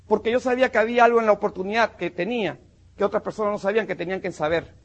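A man from Panama fires up a room of new business recruits with a punchy, emphatic motivational talk. His voice sits high and carries a husky edge. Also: very fast, highs cut off. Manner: punchy and emphatic, calls listeners "campeón" and "mi hermano". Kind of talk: motivational talk to a live audience.

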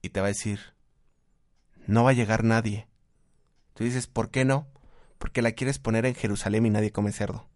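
Mexican man, advice-giver, lively delivery, acts out voices, quick laughs. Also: lowish voice. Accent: Mexican Spanish. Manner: animated, acts out quoted voices, laughs often. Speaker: guest speaker, therapist. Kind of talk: casual conversational advice.

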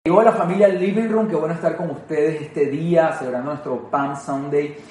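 A man's voice: on the high side, fairly even intonation, normal speed, darkish tone, echoey room, faint music behind. A man preaching an online Palm Sunday sermon, earnest and emphatic, often repeating words as he starts a phrase. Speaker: pastor.

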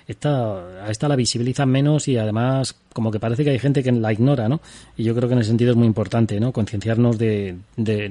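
Fast-talking male radio host, dark voice. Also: mid-range voice. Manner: thinks aloud, tags remarks with questions. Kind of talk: conversational radio interview.

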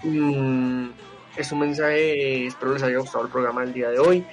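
A man hosting a sports talk show, giving casual football analysis in a conversational, hesitant way with frequent pauses and restarts over a remote connection. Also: mid-range voice, fairly even intonation, faint music behind. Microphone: remote connection from home.

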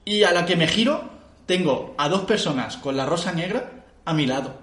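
A man's voice: a little high, normal speed, roomy sound. A man from who runs escape rooms, telling stories in a casual podcast chat and acting out his customers' lines. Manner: animated storytelling, acts out customers' lines. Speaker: escape room game master.

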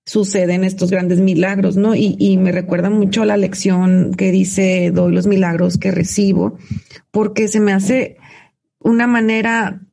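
Mexican woman, gravelly voice, talks fast and keeps restarting. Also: medium pitch, fairly even intonation, dark tone. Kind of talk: reflective conversation.

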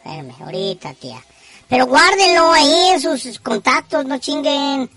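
A woman's voice: sits high, sing-song, moderate pace, bright, forceful tone. A woman with a northern Mexican accent hosting a call-in show in slangy, teasing, profane casual chat.

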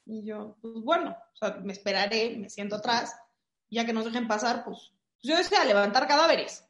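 Chatting casually, a woman with a Mexican Spanish accent tells an animated story packed with filler words. Her voice is on the high side, her pace moderate, and the recording has an echoey room sound.

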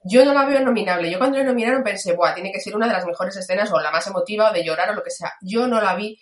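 A woman's voice: mid-range voice, fast talker. A woman giving frank, opinionated views on a film in casual conversation. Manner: frank, opinionated, retells scenes. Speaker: film podcast co-host. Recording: echoey room.

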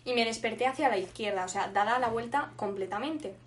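A young woman co-hosting a podcast, telling stories in an animated way and laughing often. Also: fairly high pitch, a little fast. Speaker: podcast co-host. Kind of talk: casual chat.

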